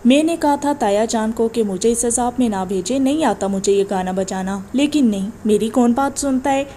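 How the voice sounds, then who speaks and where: A feisty young heroine, acted by a woman narrator, sharp-tongued and sarcastic, easily flustered. Her voice is on the high side, over a faint background hiss. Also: natural voice. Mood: grumbling.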